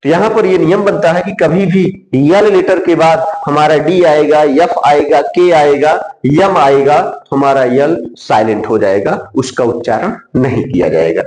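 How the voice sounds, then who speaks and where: A man's voice: fairly high pitch, measured pace, hardly any pauses, a little mellow. A man teaching a classroom lesson. He asks questions and then answers them himself. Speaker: English teacher. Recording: echoey room.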